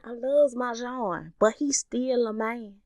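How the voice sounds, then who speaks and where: A woman puts on a fond, wry older aunt with a folksy rural Southern drawl, her voice pitched well above the speaker's own. She sounds matter-of-fact, as if she has long since made her peace with men. The recording is dry and close. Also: slow pace, mellow, no echo. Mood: affectionate, wry.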